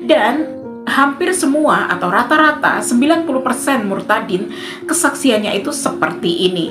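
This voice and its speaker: A woman narrates commentary with a lively, swinging pitch, talking straight to her audience in an emphatic way. Her voice rings in a roomy space, with faint music playing underneath. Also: moderate pace. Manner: addresses viewers directly, lively and emphatic. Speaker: channel host and commentator.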